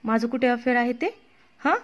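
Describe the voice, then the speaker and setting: A woman's voice: a little high, little pitch movement, normal speed, a little mellow, close to an everyday voice. A woman voicing a young divorced woman who answers accusations in an emotional, indignant way.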